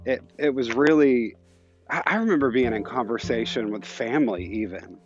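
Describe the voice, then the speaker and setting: A mid-range male voice at normal speed tells a personal story for his podcast; he's in his thirties and walking outside, a bit out of breath. The audio is dull with faint music behind it, and his candid, reflective telling is full of restarts.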